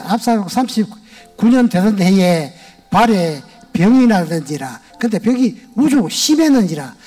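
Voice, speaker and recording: In a large church sanctuary, a retired elder shares a homespun personal testimony with the congregation. He's an older man with a Gyeongsang Korean accent, and his high-pitched voice carries a warm tone and a folksy manner.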